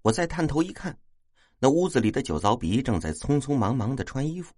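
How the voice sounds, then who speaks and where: A man telling a first-person ghost story in a wry, lively way. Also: medium pitch, fairly quick, dry recording, studio quality.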